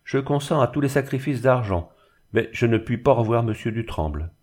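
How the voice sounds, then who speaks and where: A man's voice: medium pitch, lively intonation, normal speed, a little mellow, close to an everyday voice. A man voicing a proud, bitter young woman who speaks with cold pride.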